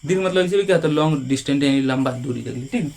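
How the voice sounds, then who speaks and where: A man's voice: mid-range voice, racing, vocal fry, a little mellow. A male teacher giving a patient, repetitive grammar lesson, checking in with students after nearly every phrase.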